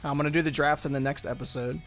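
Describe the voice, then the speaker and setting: A man's voice: a little high, fairly even intonation, quick pace, fairly bright tone, faint music behind. A young man giving casual commentary over a football video game, thinking aloud and rambling with many fillers. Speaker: gaming YouTuber.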